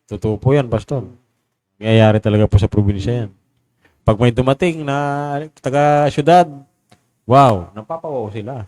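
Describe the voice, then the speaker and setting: A man's voice: mid-range voice, normal speed, long pauses, darkish tone. A man co-hosting a casual discussion who agrees often, adds short remarks and addresses the other speaker respectfully as pastor. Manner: agreeable, backchanneling, deferential.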